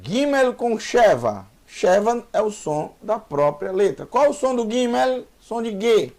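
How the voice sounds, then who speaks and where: Teaching Hebrew online, this man patiently repeats every letter sound, encourages his learner and poses questions to the viewer. He speaks a little slowly in a high, sing-song voice with a darkish tone.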